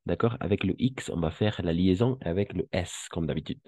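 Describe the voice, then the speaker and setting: Warm and sitting low, the man's voice leads a French class with no room sound; he takes it slowly and patiently, repeating each word so the students can drill.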